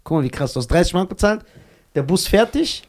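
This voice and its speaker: A man co-hosting a podcast, telling stories in casual chat and swinging between loud outbursts and quiet asides. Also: high voice, animated, a little fast. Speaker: podcast co-host.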